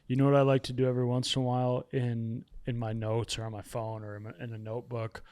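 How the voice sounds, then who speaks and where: Speaking quickly in a flat, mid-range voice with a darkish, clean tone, this podcast guest, an author who hosts his own show, reflects casually on himself. He is candid and pokes fun at himself throughout the conversation.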